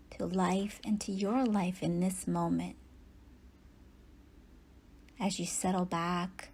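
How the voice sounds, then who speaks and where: Speaking in a soft, husky, breathy voice of medium pitch, a woman leads a guided meditation. She stays mellow and relaxed, moving at a very slow pace with long silences between brief phrases as she gently instructs without rushing.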